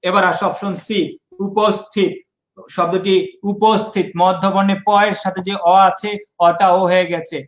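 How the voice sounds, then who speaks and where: A man's voice: high voice, little pitch movement, brisk, hardly any pauses, fairly bright tone, reverberant, poor audio. A young man from Bangladesh, teaching an online exam-prep lesson and repeating key points.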